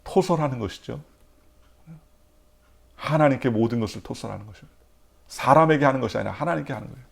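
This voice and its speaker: A man preaching an early-morning sermon in a church, asking the congregation questions and answering them himself, swinging between loud emphatic lines and near-whispers. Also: mid-range voice, fast talker, creaky, breathy edge. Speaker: pastor.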